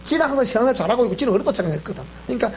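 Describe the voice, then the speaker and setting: A man preaching with a Gyeongsang accent, his pitch leaping up and sinking low as he keeps firing questions at the congregation. His delivery is animated throughout, with a faint hiss under the voice. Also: rapid-fire. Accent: Gyeongsang Korean. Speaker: pastor. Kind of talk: sermon. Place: church sanctuary.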